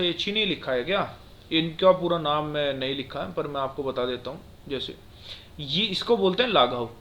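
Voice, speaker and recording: Bright-voiced male teacher explaining grammar. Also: a little high, slight background noise. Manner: explains patiently, checks often for understanding.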